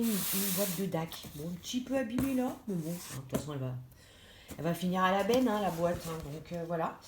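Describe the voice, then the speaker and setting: A woman's voice: medium pitch, darkish tone. A woman vlogger chatting casually to camera as she unboxes a diamond painting kit, with many fillers and restarts. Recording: echoey room, clear background noise.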